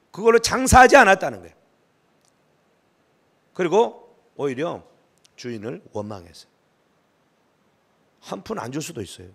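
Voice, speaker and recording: A middle-aged man preaching with a gravelly edge and a fairly high voice. He is emphatic and swings from hushed asides to impassioned, shouted pleas. His pitch leaps around in a lively way. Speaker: pastor. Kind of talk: sermon.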